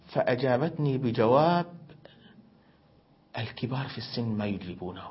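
A man's voice: medium pitch, lively intonation, normal speed, slightly rough. A middle-aged man, a sheikh teaching a grammar lesson, who explains by asking questions and answering them, heard on a muffled recording. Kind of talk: religious grammar lesson with storytelling.

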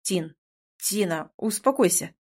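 A woman voicing a calm, concerned blond male elf in a storybook reading. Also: mid-range voice, slow pace, slightly rough. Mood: soothing.

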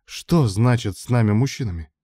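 A man reading aloud and voicing a brooding, demanding young man in an audiobook, forceful and commanding. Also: mid-range voice, moderate pace, husky, dry recording, studio quality, close to an everyday voice. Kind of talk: audiobook dialogue.

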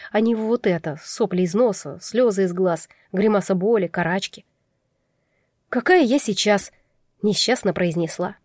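A woman reads a first-person story aloud, expressive and emotional in her telling. Her voice is mellow and soft-toned, recorded close and dry with no room sound around it. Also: medium pitch, no room sound. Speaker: narrator. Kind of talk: first-person audiobook narration.

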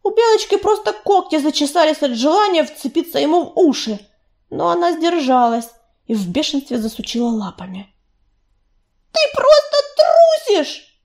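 A woman narrating a children's storybook audiobook in an expressive, lively reading voice. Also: sits high, brisk. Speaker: audiobook reader.

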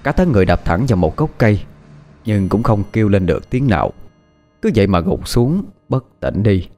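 A man narrating a martial fantasy audiobook in a dramatic, expressive reading style. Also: on the low side, fairly quick. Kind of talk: scripted story narration. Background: faint background music.

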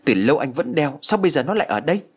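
A man's voice: a little high, very animated, very fast, breathy edge, pitched above the performer's own voice. A man playing a headstrong young woman who snaps back in a storybook reading. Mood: defiant. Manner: sharp, retorting. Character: defiant grown daughter, stubborn young woman.

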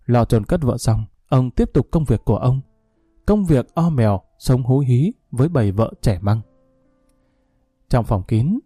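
A man narrating a dark story with steady, grave delivery. His voice is dark and mellow, close and dry, with faint music in the background. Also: medium pitch, no echo.

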